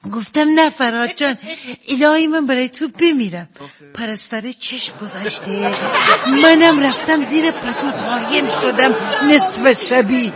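A chatty teasing wife. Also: male voice, very high voice, a bit bright. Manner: gossipy, teasing, often laughing. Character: chatty middle-aged wife, teasing and playful. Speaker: comic storyteller in a sketch. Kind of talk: comedy sketch dialogue.

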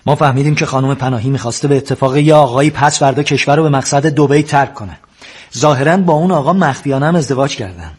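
Brief: actor as a taunting detective, husky voice, in no hurry. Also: male voice, medium pitch, close to an everyday voice. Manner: taunting, calmly pressing. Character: smug male police interrogator. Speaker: police interrogator. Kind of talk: TV drama acting.

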